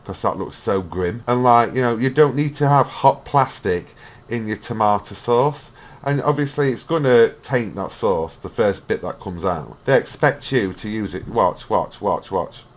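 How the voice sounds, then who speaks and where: A man's voice: lowish voice, a little slow. A man hosting a reaction video, mocking and swearing as he rants. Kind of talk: ranting reaction commentary.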